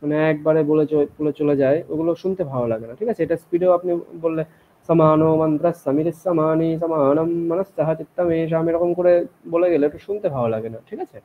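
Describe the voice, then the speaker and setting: A man teaches Vedic chanting over a video call, modelling each line slowly and correcting his students with patience. His voice sits a little high. The sound is thin and phone-like, with a faint hiss underneath. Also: expressive. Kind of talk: online chanting class.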